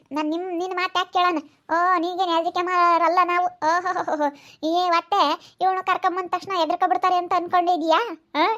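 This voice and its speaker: A woman doing a scolding village wife, very high voice, rapid delivery. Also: fairly bright tone, muffled recording. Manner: scolding, quick and combative. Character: sharp-tongued village wife, quarrelsome and loud. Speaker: village wife in a family quarrel. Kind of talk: rural village comedy-drama.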